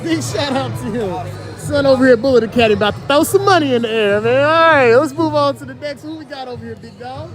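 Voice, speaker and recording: A woman with a slightly high voice runs quick, casual interviews at a youth football event, keeping things upbeat and slangy as she hypes up each player. She records outdoors, and a crowd chatters behind her while music plays clearly in the background. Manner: upbeat, slangy, hyping up the kids. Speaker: sideline interviewer.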